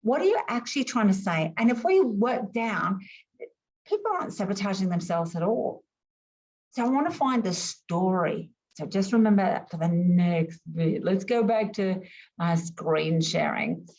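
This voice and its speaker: Teaching online over a video call, a woman whose first languages were Greek and Arabic speaks at normal speed in a mid-range voice. She is emphatic and lively, asks many rhetorical questions, and the audio has a lo-fi quality.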